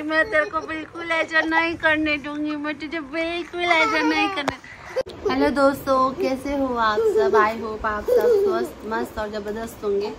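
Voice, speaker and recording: Woman, mother, high voice, playful baby talk, teasing mock scolding, repetitive, noisy home recording. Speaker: mother and family vlogger. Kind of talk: playful baby talk with a toddler and asides to viewers. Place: home, beside sleeping children.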